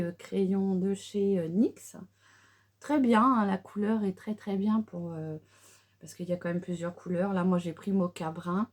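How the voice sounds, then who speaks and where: A woman's voice: fairly low pitch, warm tone. A middle-aged woman chatting through a casual makeup tutorial, with many fillers and restarts. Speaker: beauty vlogger.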